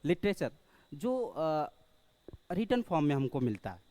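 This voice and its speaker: This male English teacher speaks at a measured pace in a sing-song, dark voice pitched fairly high. Hesitant and full of fillers, he teaches a spoken lesson, addressing everyone as brother and often checking in with rhetorical questions.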